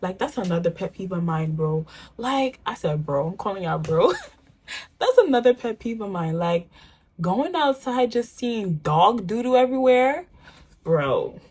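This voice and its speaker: Chatty young New York woman, husky. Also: mid-range voice, a little slow. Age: young adult. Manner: chatty, animated storytelling with slang. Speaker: vlogger. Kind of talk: casual chat while getting ready.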